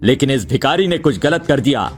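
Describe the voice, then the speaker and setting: A man's voice: mid-range voice, big pitch swings, brisk, faint music behind, lightly acted. Guy dubbing a snooty doctor, sneering, voice jumps around. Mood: scornful. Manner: scornful, indignant. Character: arrogant jealous doctor, poison expert. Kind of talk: Hindi dub of a drama series.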